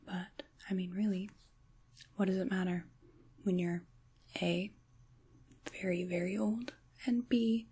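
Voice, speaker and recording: Here a woman with a mid-range voice takes the role of an old, benevolent witch in gentle ASMR role-play. Her breathy whisper has a wry, reflective quality and offers soft reassurance.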